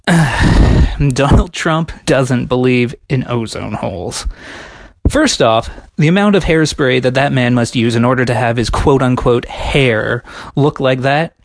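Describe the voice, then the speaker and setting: A man delivering a scripted comedic science explainer with sarcastic, deadpan asides. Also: mid-range voice, gravelly, no room sound.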